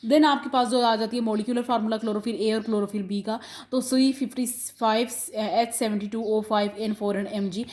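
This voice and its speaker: A woman's voice: on the high side, fairly even intonation, fairly quick, a little mellow. A young woman with a Pakistani Urdu accent teaching biology in an exam-prep lecture, explaining terms and reading out English sentences.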